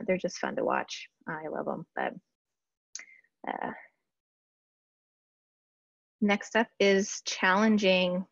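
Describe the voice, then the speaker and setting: A woman's voice: fairly low pitch, no echo. Woman, marketing workshop presenter, chatty, many fillers, dry close sound, slightly muffled. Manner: chatty, lots of fillers and restarts. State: briefly out of breath. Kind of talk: casual slide-based webinar teaching.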